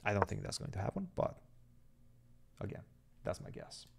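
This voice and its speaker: A young man calls a chess game live in a loose, chatty stream, thinking out loud as the moves come. His voice sits a little low and carries a gravelly fry at the ends of phrases. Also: big pitch swings, normal speed. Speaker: chess commentator.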